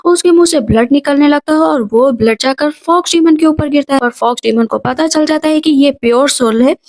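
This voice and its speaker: A woman narrating a drama recap in a plain, steady storytelling way. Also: sits high, brisk.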